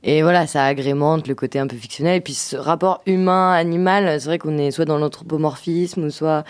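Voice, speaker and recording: A man's voice: on the high side, fairly quick, clear, resonant tone, dry recording. A man on a radio panel giving his opinion on books, hesitant and repeating words as he searches for them. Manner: hesitant, repeats words, gets livelier when amused. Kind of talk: casual radio book review chat.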